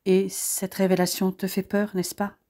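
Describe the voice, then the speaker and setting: A woman voicing a young male officer, anxious and devoted, speaking softly and from the heart. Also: mid-range voice, completely flat delivery, normal speed, close to an everyday voice. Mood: heartfelt.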